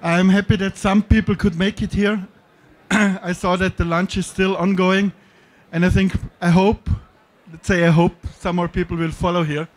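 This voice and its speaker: On a dim conference stage before an audience, a middle-aged Austrian man with an Austrian German accent gives a joking, self-deprecating talk into a handheld mic, his phrasing slightly non-native. His voice is high with little pitch movement, at normal speed.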